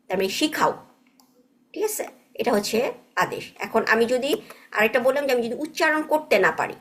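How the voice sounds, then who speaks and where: A woman teaching a grammar class at a slightly higher pitch. She explains step by step and checks in with the class after each point, mixing English terms into her talk. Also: a bit bright. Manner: patient, checks understanding with frequent tag questions; mixes English words into explanations.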